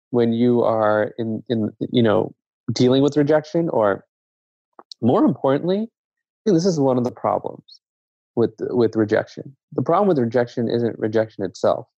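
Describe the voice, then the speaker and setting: A man from Zambia, a guest in a casual conversation, speaking in a reflective, measured way and often restarting his sentences. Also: mid-range voice, warm tone, no echo. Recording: dull lo-fi dry sound.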